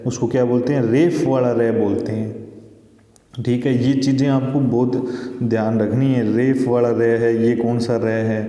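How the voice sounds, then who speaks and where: A man's voice: mid-range voice, little pitch movement, a little slow, dark tone. A man teaching a school grammar lesson, explaining patiently and checking in with his students as he goes. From India. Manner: patient, explanatory, repeats points, checks with "ठीक है". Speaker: Hindi teacher. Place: school classroom. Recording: echoey room with long reverb.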